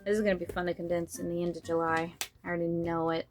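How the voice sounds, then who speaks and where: A woman who runs a budgeting vlog, thinking aloud in a fairly monotone way as she counts bills under her breath. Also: fairly low pitch, fast, faint music behind. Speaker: budgeting vlogger. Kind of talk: casual talk while counting cash.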